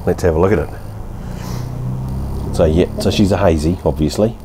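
A New Zealand man in his fifties, speaking low at a moderate pace over background noise, casually reviews a beer at his outdoor home bar. He comes across as laid-back and blunt, rambling with filler words and mild swearing.

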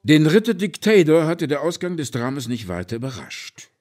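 A man's voice: on the high side, very animated, moderate pace, a little mellow, faint music behind. A man narrating an audiobook in a dramatic storytelling manner with varied emphasis. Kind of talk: scripted narration.

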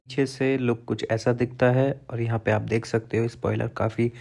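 A man calmly explaining car features and specs during a casual walkaround at an indoor auto show, recorded on a handheld phone. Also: medium pitch, moderate pace, creaky, over loud music. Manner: calm, explanatory, gives specs. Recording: steady background noise.

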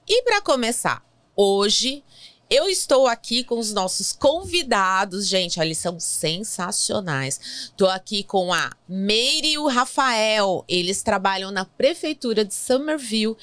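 A woman's voice: mid-range voice, fairly bright tone, smooth, no echo. Upbeat woman hosting a studio talk show. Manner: upbeat, enthusiastic, calls audience "gente". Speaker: host. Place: podcast studio. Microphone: boom-arm studio mic.

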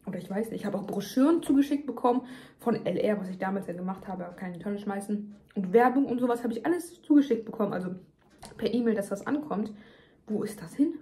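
Bright-voiced young woman, chatting while chewing. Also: mid-range voice, expressive, fast talker. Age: young adult. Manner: venting, emphatic. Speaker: vlogger. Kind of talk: casual chat to viewers while eating. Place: home kitchen, indoors.

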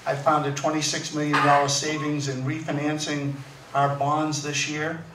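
A man who is council president, answering at a candidates' forum in a hurried manner with many fillers. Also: fairly high pitch, monotone. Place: school hall, heard from afar. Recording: echoey hall, distant mic, faint noise.

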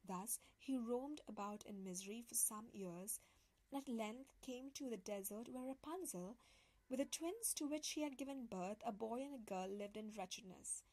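A woman, the show's storyteller, reading a fairy tale aloud as a bedtime story in a soft, gentle manner. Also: fairly high pitch, expressive, moderate pace. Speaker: storyteller host.

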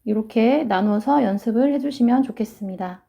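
A woman's voice: on the high side, moderate pace, gravelly, dark tone. A woman teaching English pronunciation, explaining each sound patiently and step by step. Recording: muffled lo-fi sound.

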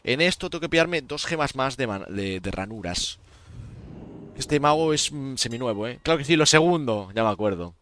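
A man's voice: medium pitch, animated, moderate pace, fairly bright tone. A young man from Spain with a Spanish accent, streaming games live and chatting casually with viewers, sounding tired. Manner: chatty, addresses viewers as tío and gente. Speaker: game streamer.

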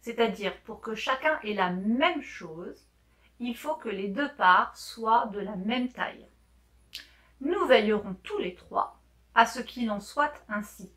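A woman voicing a sly, smooth-talking fox. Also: fairly high pitch, lively intonation, slow, fairly bright tone, far from the mic. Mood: persuasive. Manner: smooth, persuasive, talks down to others. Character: cunning self-important male fox.

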